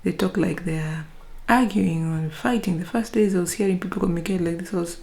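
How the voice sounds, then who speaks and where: A young woman with a Kenyan accent chats to her viewers in a casual vlog. Her voice sits a little low, and she is lively, slipping now and then into whispered asides. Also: brisk, gravelly. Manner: chatty and animated, with frequent whispered asides. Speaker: vlogger. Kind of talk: casual vlog talk to camera.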